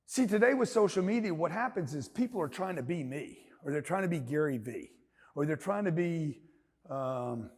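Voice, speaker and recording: High-voiced, emphatic Southern man in echoing hall. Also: animated, normal speed, breathy edge. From Louisiana, USA. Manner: loud, emphatic, rambling and jokey. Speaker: business mentor. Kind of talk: live seminar talk. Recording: long hall reverb.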